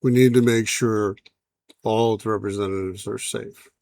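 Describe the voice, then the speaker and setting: A man's voice: lowish voice, fairly even intonation, normal speed, gravelly, a little mellow, no room sound. Placating male sergeant at arms, careful, dry and close, a man reading it.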